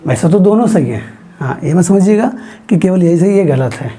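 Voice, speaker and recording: A man teaching a grammar lesson, explaining slowly and asking his students frequent questions as he writes on a board. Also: sits high, animated, warm tone, husky. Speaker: Hindi teacher.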